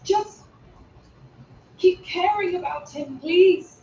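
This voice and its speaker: A woman's voice: very high-pitched, takes it slowly, warm tone, slight background noise, heavily acted. An actress playing a fierce, protective young woman who is anxious about her sick brother, speaking in urgent, pleading video game dialogue. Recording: distant roomy lo-fi game audio captured on a stream.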